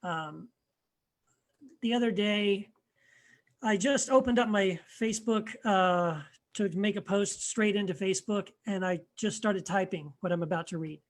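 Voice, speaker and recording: Hesitant soft-spoken male author. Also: high voice. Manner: hesitant, frequent pauses and restarts, voice trailing off quietly. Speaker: author and blogger, guest reader. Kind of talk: casual spoken introduction.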